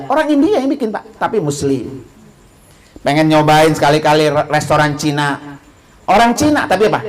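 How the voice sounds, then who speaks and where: High-voiced man. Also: rough recording. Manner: animated, asks the listeners questions and answers them himself. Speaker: religious speaker. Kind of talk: informal religious talk to a grieving family.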